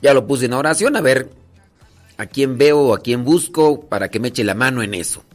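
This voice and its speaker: Joking Mexican priest on radio. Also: male voice, medium pitch, animated, moderate pace, faint music behind. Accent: rural central Mexican. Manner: rambling, joking, many fillers. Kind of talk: casual radio talk, storytelling. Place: retreat house.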